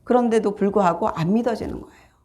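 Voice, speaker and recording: A woman's voice: mid-range voice, fast, a little mellow. A middle-aged woman pastor preaching a sermon, retelling a story and acting out the quoted dialogue.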